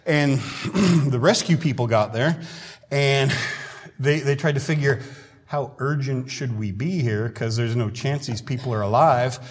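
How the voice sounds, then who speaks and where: Man preaching in a reverberant hall. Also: mid-range voice. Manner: conversational, clears throat often. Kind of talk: sermon.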